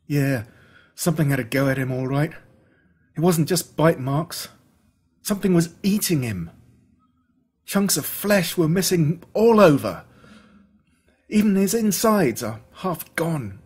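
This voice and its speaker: Storybook boy, played by a man, Australian, raised pitch, distraught and emphatic with grief. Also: animated, measured pace, pauses often, a little mellow, slightly rough. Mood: upset, disbelieving. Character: distraught young boy mourning his mauled dog. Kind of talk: storybook character voice.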